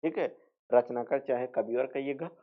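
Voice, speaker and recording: A man's voice: mid-range voice, normal speed. A male teacher giving an exam revision lecture, repeating points, asking and answering his own questions, and slipping into rural dialect for jokes. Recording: tinny phone-like sound.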